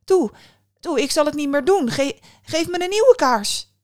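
A woman voicing a frightened young male doctor, speaking high and strained as he pleads. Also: animated, unhurried, darkish tone. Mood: pleading.

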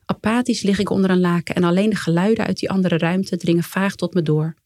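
A woman reading her own memoir aloud in a calm, measured way, quietly voicing the lines of the people in it. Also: fairly low pitch, no echo, clean studio sound. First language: Dutch. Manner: calm, measured storytelling with quiet quoted dialogue. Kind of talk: first-person memoir reading.

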